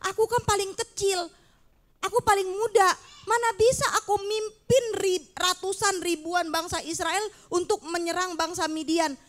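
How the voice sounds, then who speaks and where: A timid, whiny young man who keeps doubting he is up to the task, voiced by a woman telling a children's Bible story. He pleads and hesitates, asking again and again how it could be him. The voice sits high. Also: steady tone, normal speed. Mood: doubtful. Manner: hesitant, pleading, full of "masa sih".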